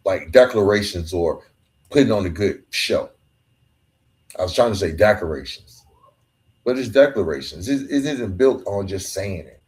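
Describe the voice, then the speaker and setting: A lowish, slightly mellow male voice carries this podcast host's solo motivational talk. It is sincere, emphatic and conversational, with the occasional stumble over words.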